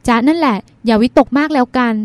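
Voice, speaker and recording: A calm young boyfriend, patient and soft-spoken, as a woman reads him in an audiobook. The voice sits high, and it is slow and unhurried. The sound is close and dry. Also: no echo. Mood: soothing.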